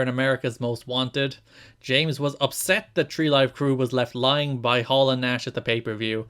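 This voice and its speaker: A man's voice: medium pitch, a bit bright. A man hosting a podcast, reading out wrestling news notes and adding casual commentary. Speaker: podcast host.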